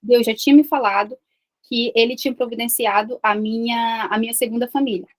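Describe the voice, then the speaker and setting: Woman in her thirties, from Brazil, emotional testimony, repetitive and confiding, fairly high voice. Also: steady tone, a little fast. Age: 30s. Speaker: online community host. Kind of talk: personal testimony to a live group.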